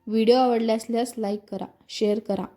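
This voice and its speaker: A woman narrating a romantic story in a steady, even reading, then asking listeners to like and subscribe. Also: fairly high pitch, a little fast.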